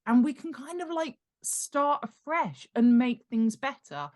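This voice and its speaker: In a high, unhurried voice, a middle-aged world-building expert and guest author talks informally through explanations during an interview. Her delivery is animated and emphatic, punctuated by check-ins like "right?" and "okay?".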